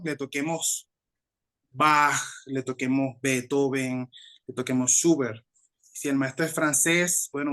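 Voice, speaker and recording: A man's voice: on the high side, a bit bright. Hesitant, thoughtful Mexican man. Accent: Mexican Spanish. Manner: thoughtful, hesitant, with frequent restarts and tag questions. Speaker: guest musician. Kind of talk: conversational interview answer.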